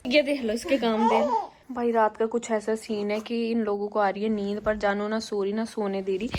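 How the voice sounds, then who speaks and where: A young woman vlogging at a family home, telling stories in an animated way and repeating words. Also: medium pitch, normal speed, noisy background. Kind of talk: casual family vlog chat.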